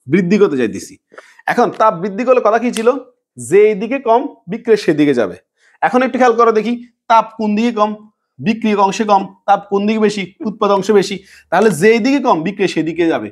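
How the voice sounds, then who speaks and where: Male chemistry teacher, fast and high-pitched, quizzes the class then answers softly himself. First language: Bengali. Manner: asks questions and answers them himself, repeating key words; drops to a low soft voice on answers. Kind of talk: classroom lecture.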